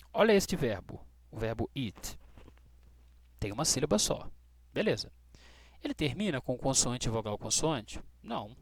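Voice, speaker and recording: Gravelly Brazilian man teaching English. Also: mid-range voice. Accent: Brazilian Portuguese. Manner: patient, checks in often with short questions; spells out letters slowly, stressing key words. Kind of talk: explaining grammar rules to students.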